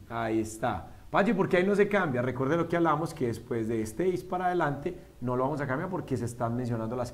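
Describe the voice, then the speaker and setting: A man teaching a language class, patiently spelling out examples slowly and quizzing his students. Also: medium pitch. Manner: often checks in with a quick "¿sí?". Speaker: English teacher. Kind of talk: online classroom lesson.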